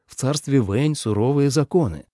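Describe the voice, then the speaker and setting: A man voicing a stern elder brother who speaks gravely in a storybook reading. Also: mid-range voice, lively intonation, normal speed, mellow, no echo, clean studio sound, lightly acted. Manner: grave, sober.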